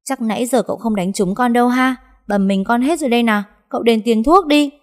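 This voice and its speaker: A woman voicing a young servant girl who shouts and chatters shrilly. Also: fairly high pitch, fast talker, voice pushed up, natural voice. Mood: tattling, indignant.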